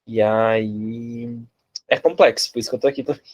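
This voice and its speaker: A man's voice: mid-range voice, fairly even intonation, normal speed, muffled recording. A Brazilian man taking part in an online course, talking casually and hesitantly on a video call. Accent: Brazilian Portuguese. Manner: hesitant, filler-heavy, "assim" and "né". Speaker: course participant.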